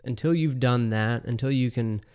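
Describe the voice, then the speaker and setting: A man with a smooth, resonant voice at an ordinary middle pitch, hosting a casual podcast discussion. He explains things conversationally and leans on "um" and "uh" as he goes. His tone stays relaxed and easy to follow. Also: moderate pace. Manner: conversational and explanatory, with frequent fillers.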